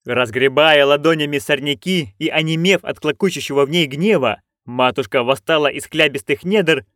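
A man narrating an audiobook in an expressive storytelling manner. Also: on the high side, moderate pace, no room sound, studio quality.

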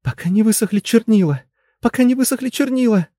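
A man's voice: a little high, animated, moderate pace, mellow, husky, dry recording, studio quality, pitched above the performer's own voice. A man voicing an anxious young wife, raised and pleading. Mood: frantic. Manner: pleading, coaxing, then frantic. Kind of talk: audiobook character voice.

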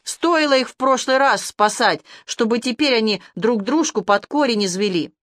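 A woman's voice: a little high, moderate pace, no echo, clean studio sound, pitched above the performer's own voice, natural voice. A woman voicing a stubborn, decisive teenage girl. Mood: determined. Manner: sharp, decisive.

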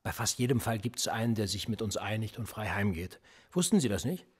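An actor with a lowish, husky voice plays a cool, cynical police interrogator in a radio drama. He talks fairly quickly, smug and needling, with lively intonation.

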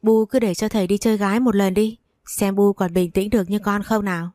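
A woman voicing a sharp-tongued young wife, fed up and defiant, with blunt retorts, in a storybook reading. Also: mid-range voice, fairly even intonation, a little fast, dry recording, natural voice.

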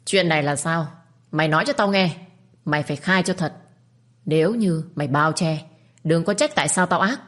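A woman's voice: low voice, moderate pace, fairly bright tone. A woman voicing a harsh, domineering older mistress of a wealthy household, speaking in a commanding, threatening way. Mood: interrogating.

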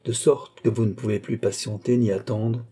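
A man's voice: fairly low pitch, fairly even intonation, normal speed, mellow, slightly rough. A man reading a proud cardinal prince in financial distress, haughty yet anxious and pleading. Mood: anxious pride.

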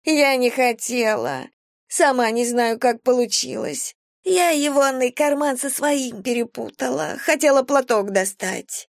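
A sly, whining homeless woman, as a woman reader puts her on, her voice pitched well above normal and swinging into pleading wails. She wheedles and bargains like a street hustler in an audiobook. The recording is dry and close. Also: animated, a little slow, vocal fry, no room sound, heavily acted. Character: whiny cunning homeless woman, middle-aged. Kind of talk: audiobook character voice.

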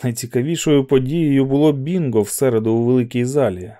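A man narrates a novel as an audiobook. His voice is dark and mellow, his delivery steady and even. He sits at a middling pitch for a man. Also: a little fast.

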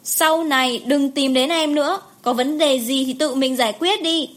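A woman voicing a sulky, quick-tempered young mother in an audiobook, with a sharp, irritable way of talking. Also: high-pitched, lightly acted. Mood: irritated.

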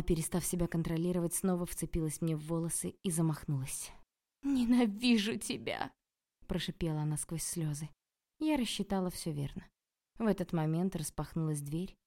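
A woman narrating a novel in the first person, expressive and ironic. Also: fairly low pitch. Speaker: audiobook narrator.

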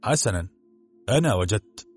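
A boastful, overconfident police inspector from a storybook, voiced by a man. His low, husky voice rises and falls with lively self-satisfaction. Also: normal speed, soft background music. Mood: smug. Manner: smug, overconfident.

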